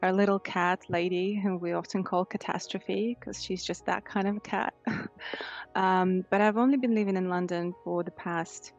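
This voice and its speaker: A woman in her thirties with a Russian accent answers questions conversationally as a life coach and podcast guest in an interview. Her medium-pitched voice holds a steady tone at normal speed. The audio is dull, with soft background music.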